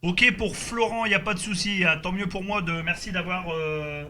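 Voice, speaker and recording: Speaking at normal speed in a high, steady voice that sounds pushed and bright, a man chats casually over the radio. He is an amateur CB operator recording the group contact, repeating phrases in a hesitant, agreeable manner against faint background noise.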